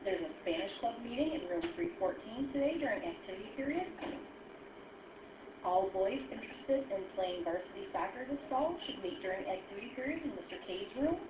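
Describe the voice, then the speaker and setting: A woman reading the day's school announcements in a clear, measured way over an intercom loudspeaker. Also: mid-range voice, lively intonation, background noise. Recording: distant, tinny loudspeaker in an echoey classroom.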